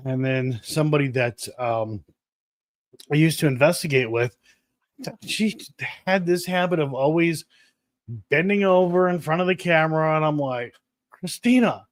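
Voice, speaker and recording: A man's voice: a little high, moderate pace, no echo, clean studio sound. A man co-hosting a live stream, chatting casually in a rambling, joking way with some swearing. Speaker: podcast co-host.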